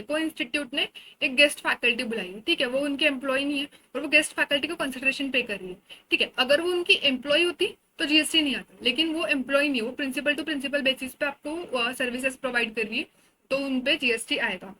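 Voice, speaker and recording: A woman's voice: high-pitched, a little fast, pushed and bright, a little hiss or hum, low-quality recording. A woman with an Indian accent giving an exam-oriented lecture, explaining in a conversational way with everyday examples. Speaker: teacher.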